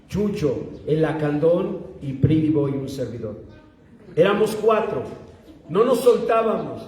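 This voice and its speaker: A man preaching a sermon to young people, telling stories and acting out the dialogue. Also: high-pitched. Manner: animated storytelling, acts out dialogue, addresses youth directly. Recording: echoey hall.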